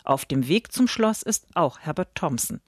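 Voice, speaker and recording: A woman critic reading a scripted radio book review in a measured way. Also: sits low, big pitch swings, husky, no echo, studio quality.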